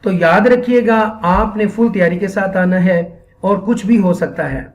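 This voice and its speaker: This clip features a high-voiced man with a Pakistani accent delivering an earnest instructional lecture to train Quran teachers. He often repeats phrases and slips English words into his speech.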